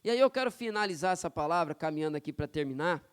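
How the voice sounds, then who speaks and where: Brief: male pastor from São Paulo, high and clear, chatty storytelling sermon. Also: expressive, quick pace. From São Paulo, Brazil. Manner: conversational, personal storytelling with frequent tag questions. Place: church sanctuary.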